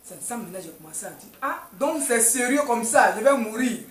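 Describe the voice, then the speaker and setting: A woman's voice: fairly high pitch, lively intonation, a little fast. A woman giving a fervent spoken testimony in a church, breaking into sung praise refrains between her words. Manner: fervent, moves between telling and singing refrains. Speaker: testifying worshipper. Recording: roomy echo, voice far from mic.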